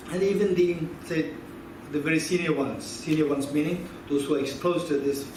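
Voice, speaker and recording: A man in his fifties with a fairly high, steady voice teaches Buddhist philosophy at a moderate pace. He talks with his audience conversationally, quizzing them and repeating key phrases. The recording comes from far off in an echoey hall with background noise.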